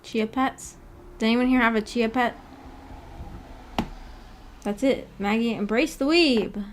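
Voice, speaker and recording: A book club streamer speaks slowly in a voice on the high side, with a little hiss or hum in the recording. This native English speaker chats casually from indoors behind an animated avatar, reading viewer comments aloud in a playful, giggly manner.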